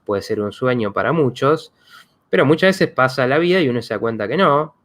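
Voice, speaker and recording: A man's voice: mid-range voice, lively intonation, fairly quick, fairly bright tone. A man, hosting a psychology live stream and talking in a reflective way with many fillers and restarts. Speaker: psychologist host.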